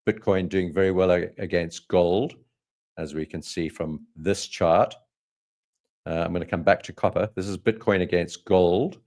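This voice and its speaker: A man's voice: low voice, darkish tone. A man in his late fifties hosting live market commentary, joking drily and walking through charts step by step. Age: 50s. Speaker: trading analyst host.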